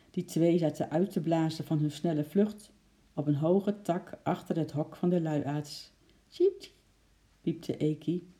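Dark-voiced children's storyteller. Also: medium pitch. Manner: lively, with sound effects for the animals. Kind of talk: children's story read aloud.

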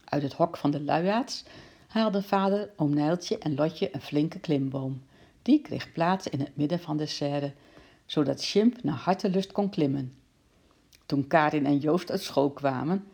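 A woman reads a children's story aloud at a steady storytelling pace. Her voice is low and gravelly, with a dark, husky tone. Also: a little slow. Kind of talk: reading a children's book aloud.

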